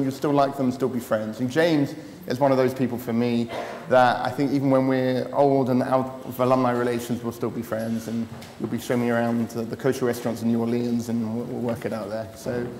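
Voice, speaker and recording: A man introducing the next speaker at a conference in a friendly, halting way. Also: mid-range voice, a little mellow. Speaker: session introducer. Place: conference hall stage. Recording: echoey hall, faint noise.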